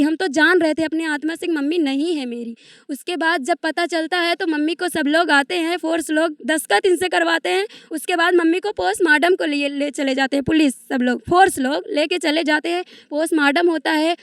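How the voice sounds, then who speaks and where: A woman's voice: very high-pitched, fairly even intonation, brisk, no echo, studio quality. A young woman with an eastern Uttar Pradesh accent, grief-stricken and agitated, giving emotional testimony to a reporter as the victim's daughter.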